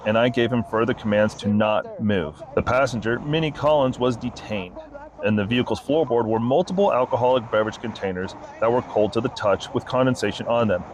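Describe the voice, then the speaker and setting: A man, a state trooper, reading his incident report aloud in a flat, formal, methodical way. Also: medium pitch, brisk, slight background noise.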